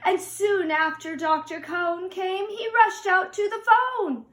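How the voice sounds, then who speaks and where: A middle-aged woman with a very high voice reads a picture book aloud to small children in a slow, deliberate, expressive singsong. She's in an upstairs room at home, and the recording sounds roomy with echo.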